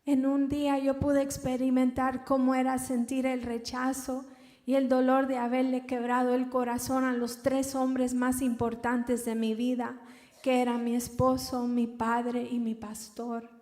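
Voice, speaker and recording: A woman giving an emotional personal religious testimony, halting and repeating words as she speaks. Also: high voice, monotone, a little mellow. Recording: echoey room with long reverb.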